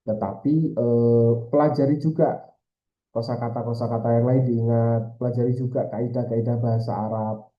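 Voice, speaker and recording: A man's voice: mid-range voice, fairly even intonation, moderate pace, faint music behind. A man with an Indonesian accent giving an informal exam-prep lesson, hesitant, with many fillers and repeated tag words. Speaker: Arabic language tutor. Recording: roomy, slightly dull sound.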